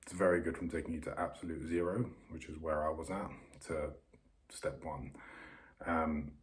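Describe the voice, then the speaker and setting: A man speaks in a very deep register with little melody, keeping his voice hushed. He talks casually and a little self-consciously, like someone recording a vlog quietly so the people nearby won't hear. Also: flat delivery, normal speed. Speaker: vlogger documenting learning to code. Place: upstairs bedroom in a holiday home.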